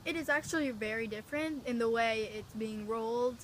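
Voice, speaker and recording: A woman's voice: a little high, fairly quick, slight background noise, low-quality recording. A young woman casually answering interview questions about her family and culture, with some fillers.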